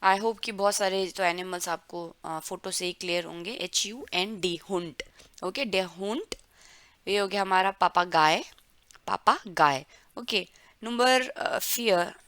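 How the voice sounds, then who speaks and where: A woman teaching German vocabulary to learners, repeating words slowly syllable by syllable for pronunciation drills. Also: medium pitch, a bit bright. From India. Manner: drawn-out, careful word-by-word pronunciation drills. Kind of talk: explaining vocabulary to learners, mixing Hindi and English.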